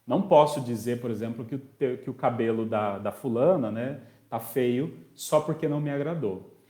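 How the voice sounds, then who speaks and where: A man teaching an online parenting course in a warm, mellow voice. He talks conversationally, reads viewers' comments aloud and replies, and keeps checking in with his audience. The sound is roomy, with a clear echo off the walls. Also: mid-range voice, normal speed. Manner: checks in often with tag questions. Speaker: special education teacher. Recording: echoey room.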